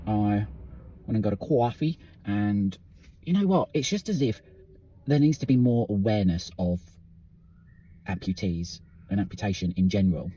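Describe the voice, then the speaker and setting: A man's voice: on the low side, dark tone, a little hiss or hum. A British man talking candidly in a casual vlog, ranting and swearing freely as he speaks. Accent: British English. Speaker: vlogger.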